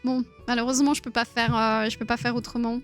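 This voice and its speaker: A woman's voice: fairly high pitch, little pitch movement, quick pace, faint music behind. A woman in her thirties hosting a live quiz stream, chatting playfully with viewers and giggling often. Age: 30s. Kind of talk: casual live-stream chat.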